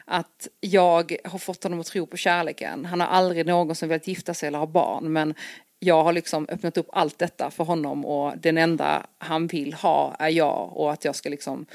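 Animated young woman telling a story. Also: sits low, gravelly, no room sound, clean studio sound. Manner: animated, acts out quoted dialogue. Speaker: podcast co-host telling a story. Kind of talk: casual storytelling chat.

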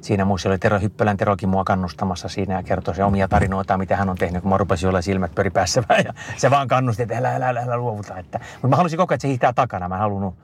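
Middle-aged guy, low voice, rambling anecdotes with lots of fillers. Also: few pauses, a little hiss or hum. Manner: rambling, lively storytelling with many fillers and restarts. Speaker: interview guest, endurance skier. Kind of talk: casual conversational storytelling.

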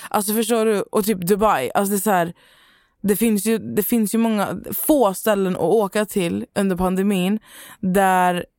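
A young woman co-hosting a podcast, talking bluntly in casual, halting chat full of restarts. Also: medium pitch, fairly even intonation, a little mellow, no room sound, studio quality. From Skövde, Sweden. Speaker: podcast co-host.

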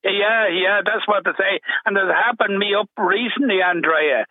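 A man's voice: sits high, moderate pace, no room sound. A man with a County Wicklow Irish accent chatting casually as a radio caller, rambling and repeating himself down a phone line. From County Wicklow, Ireland. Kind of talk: casual chat.

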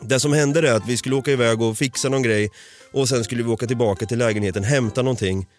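Soft music plays behind this mid-range voice as a Swedish man, chatting casually on a podcast, animatedly retells a story. Profanity comes often, and laughter punctuates his telling.

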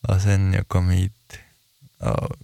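A man's voice: sits low, monotone, gravelly, dark tone, clean tone, no room sound. A young man who is a guest and a fighter, telling stories casually and acting out what other people said. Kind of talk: casual podcast conversation.

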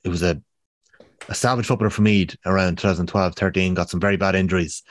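A man's voice: low-pitched, steady tone, quick pace, no echo. A man with an Irish accent hosting a casual sports podcast, giving a round-up.

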